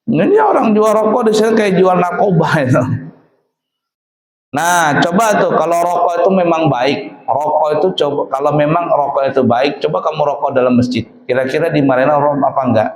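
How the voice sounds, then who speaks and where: A man's voice: fairly high pitch, animated, brisk. A man giving a casual religious lesson to boarding-school students, quizzing them with questions and answering them himself. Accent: Indonesian. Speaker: pesantren teacher. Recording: echoey hall with a crowd of students.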